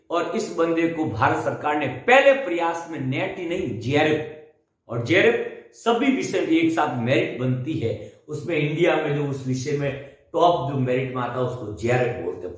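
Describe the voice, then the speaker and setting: A male teacher lectures on grammar in a strongly reverberant room, his voice bouncing off the walls. He recites letter lists one by one, stretches words to stress how they are pronounced, and keeps firing questions back at his students for them to answer. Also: sits high. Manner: drills students with call-and-response questions. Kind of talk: classroom lecture. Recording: very echoey room.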